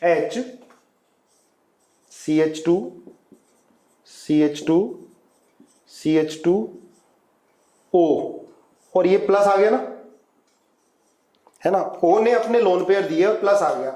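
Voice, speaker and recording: Guy teaching chemistry in hindi, kinda high voice, calls the kids beta, echoey classroom. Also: very slow, pauses often, warm tone. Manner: coaxing, calls students "beta", asks them to follow along. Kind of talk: classroom lecture at a whiteboard.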